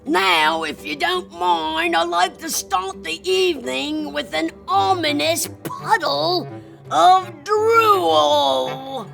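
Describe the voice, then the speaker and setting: Big chummy male monster for a kids' storybook, played by a woman: very gravelly, forceful growl, playfully menacing. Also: extremely high pitch, takes it slowly, soft background music, voice pushed up, exaggerated voice. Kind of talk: children's storybook character reading.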